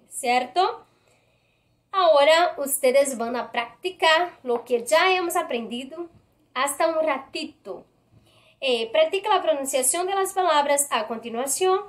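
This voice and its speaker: A woman teaching an online Spanish grammar lesson, reading slowly and often checking in with her students by asking "right?". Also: high voice, fairly bright tone. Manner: slow, careful, often checks in with a questioning "right?".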